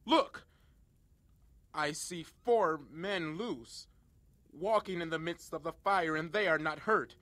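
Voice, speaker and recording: A man's voice: on the high side, slow pace, fairly bright tone, no echo, voice pushed up. A man playing a proud, hot-tempered king in a dramatic scripture audio reading, declaiming imperiously and stretching words for emphasis. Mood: loud amazement. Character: proud, furious, booming king of Babylon, given to decrees.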